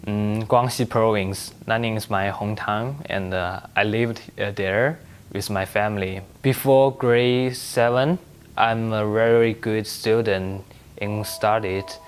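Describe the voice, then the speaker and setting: A man's voice: lowish voice, fairly even intonation, slight background noise. Hesitant young man. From China. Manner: hesitant, many pauses and fillers. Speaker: student.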